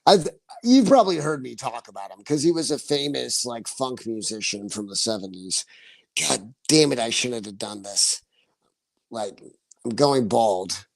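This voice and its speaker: A man's voice: medium pitch, animated, unhurried, creaky, no room sound. A man in his forties chatting casually on his livestream, rambling, laughing often and swearing freely. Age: 40s. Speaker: livestream host.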